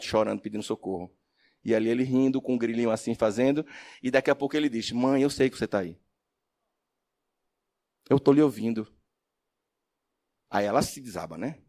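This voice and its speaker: A man giving a religious lecture as a spiritist speaker and professor, telling stories expressively and asking the audience questions. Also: mid-range voice. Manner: expressive storyteller, asks the audience questions, swings from loud to soft.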